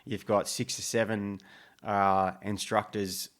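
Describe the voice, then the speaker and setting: Sitting in his living room for a casual interview, this Australian guest in his fifties, once a special forces soldier, talks slowly in a lowish voice. He's relaxed, with frequent ums and restarts.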